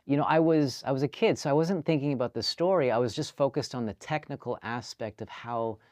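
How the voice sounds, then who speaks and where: A man from Canada, a filmmaker telling his story in a relaxed, chatty interview. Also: medium pitch, fairly quick, no echo, studio quality. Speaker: guest filmmaker. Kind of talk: casual interview.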